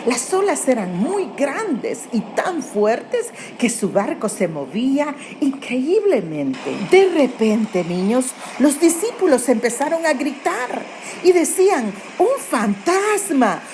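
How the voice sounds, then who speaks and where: Lively woman telling a children's Bible story. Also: high voice, takes it slowly, slight background noise. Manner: animated storytelling, addresses children with questions.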